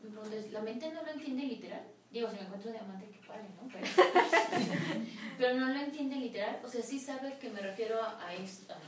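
A woman in a group discussion who asks questions in a lively way. Her voice is somewhat high. She is heard from a distance in an echoey room with faint noise. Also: brisk. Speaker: group member. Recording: echoey room, far from the mic.

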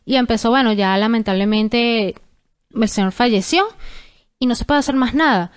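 A young adult woman co-hosting a casual podcast, explaining things in an earnest, steady way. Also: a little high, moderate pace, clean tone. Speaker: podcast co-host.

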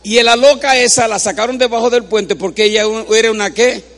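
A man's voice: very high voice, fairly even intonation, brisk, fairly bright tone. A man preaching a humorous sermon in a church, joking with the congregation and having them repeat words after him.

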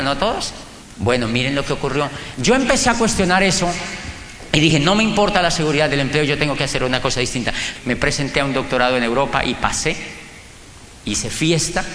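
His voice is fairly high, pushed and bright: a middle-aged Colombian motivational speaker and business coach addressing an audience in a large hall. The talk is emphatic, packed with personal anecdotes, rhetorical questions and acted-out exchanges. The audio echoes around the room, with a little background noise underneath.

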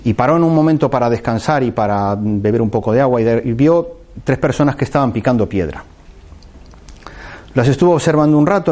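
A man's voice: medium pitch, darkish tone. A man from giving a reflective talk, thinking aloud with fillers and restarts as he tells a short parable. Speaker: speaker giving a motivational talk.

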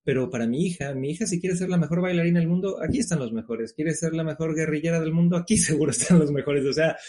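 A man in his thirties with a Mexican accent, a guest entrepreneur in a casual interview, talking in a relaxed, frank way and swearing now and then. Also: fairly high pitch, fast talker.

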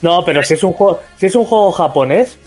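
A man's voice: sits high, animated, fast talker, darkish tone, slightly rough, faint music behind. A man in casual chat, a little hesitant and seeking the middle ground.

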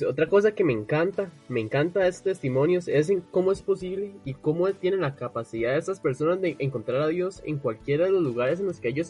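Male co-host, higher pitch, earnest segment intros, soft music behind. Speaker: podcast co-host. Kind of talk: scripted program hosting.

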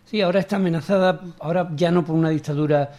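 A man's voice: fairly high pitch, fairly even intonation, racing, darkish tone. A man hosting a radio interview, asking leading, chatty questions and finishing his guest's sentences. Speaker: radio host.

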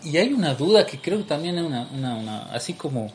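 A man in a casual chat, talking with many pauses and restarts. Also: on the high side, big pitch swings, a little hiss or hum. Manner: hesitant, many restarts and fillers.

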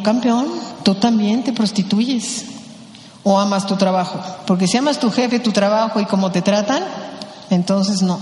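A woman with a Mexican accent giving an animated motivational talk, acting out quoted voices. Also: medium pitch. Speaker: motivational speaker. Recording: echoey hall with long reverb.

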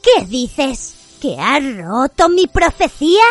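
A woman voicing a cruel dark wizard who speaks in a cold, high, quiet voice, measured and slow. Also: sing-song, faint music behind, full character voice. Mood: icy.

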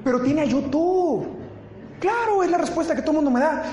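A pastor preaching to his congregation in a fairly high voice. He keeps it conversational, asking the room questions and tossing in joking asides. The sound is roomy, with faint background noise from the church. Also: expressive, fairly quick, darkish tone. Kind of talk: sermon.

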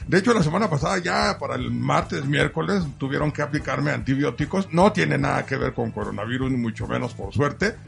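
A man's voice: medium pitch, brisk, gravelly, few pauses. A middle-aged Mexican man hosting a show in casual, bantering conversation. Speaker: show host.

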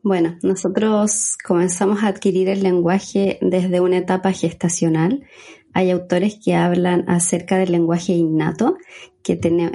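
A woman's voice: fairly low pitch, warm tone, husky. A young adult woman, a speech therapist, explaining patiently as an interview guest. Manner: measured, explanatory.

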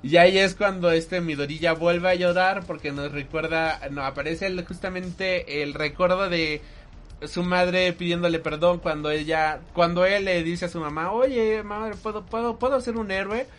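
High-voiced man chatting emotionally. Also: moderate pace. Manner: animated, emotional, filler-heavy. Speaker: anime reviewer co-host. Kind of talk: casual chat.

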